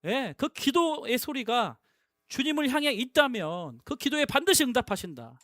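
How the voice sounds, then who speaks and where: High, bright-voiced youth pastor preaching. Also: male voice, normal speed, no echo, clean studio sound. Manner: animated, punchy, repeats key phrases. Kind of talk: sermon to middle-schoolers.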